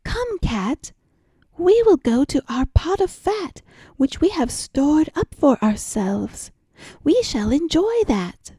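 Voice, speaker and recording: Woman voicing a high, wide-eyed timid little mouse. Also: sing-song, takes it slowly, dark tone, no echo, full character voice. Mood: eager. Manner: gasping, wide-eyed exclaiming. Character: timid, trusting little female mouse, easily shocked.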